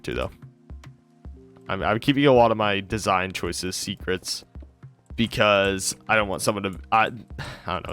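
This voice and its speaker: A sick, tired man rambling through casual gameplay commentary as he builds, slurring some words. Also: fairly low pitch. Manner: rambling, self-correcting, relaxed. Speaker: Minecraft series host.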